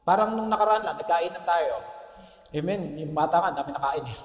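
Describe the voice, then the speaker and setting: A man's voice: a little high, a little fast, muffled recording. Man, pastor, middle-aged, sermon, keeps asking the congregation for an amen, roomy church sound. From Philippines. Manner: animated preaching, often asks the congregation "Amen?". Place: church worship hall. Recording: echoey church hall with long reverb.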